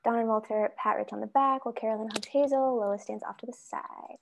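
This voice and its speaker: A woman's voice: fairly high pitch, fairly even intonation, a little fast, gravelly. A woman reading stage directions aloud in a matter-of-fact way during a script read-through.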